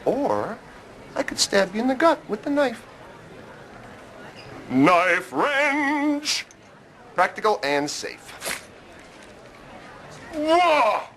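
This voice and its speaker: An unhinged janitor with wildly swinging pitch. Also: male voice, very animated, extremely slow, long pauses, fairly bright tone, a little hiss or hum, exaggerated voice. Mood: unhinged glee. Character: eccentric, menacing, gleefully unhinged hospital janitor. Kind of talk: scripted TV sitcom acting.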